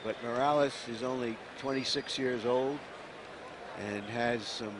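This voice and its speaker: A man's voice: medium pitch, steady tone, unhurried. A man commentating on boxing from ringside and putting questions to a fellow analyst. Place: ringside in an arena. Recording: loud crowd and arena noise.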